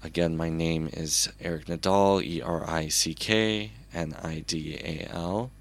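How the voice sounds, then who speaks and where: A man hosting his own radio show, talking in a calm, unhurried, earnest monologue. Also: low-pitched. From Chicago, USA. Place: recording alone at a microphone.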